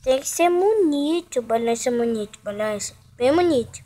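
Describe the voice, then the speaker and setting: High-voiced woman cooing at her dog. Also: expressive, moderate pace, warm tone. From Brazil. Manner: cooing, pleading baby talk to a dog. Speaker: vlogger. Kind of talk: casual vlog, coaxing her pet.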